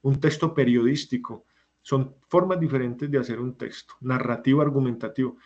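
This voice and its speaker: A man's voice: mid-range voice, normal speed, darkish tone, dull audio. A man teaching a class who explains step by step and puts questions to his students. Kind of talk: online class lecture.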